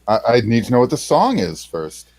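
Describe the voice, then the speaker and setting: A man's voice: medium pitch, a little mellow. A man playing his character in a tabletop game, fussing over the key like a drunk singer. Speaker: player.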